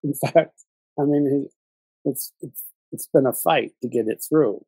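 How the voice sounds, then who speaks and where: A man's voice: medium pitch, unhurried, dark tone, slightly rough, no room sound, rough recording. A journalist guest in an interview, a man who talks hesitantly and restarts his sentences. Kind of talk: conversational interview.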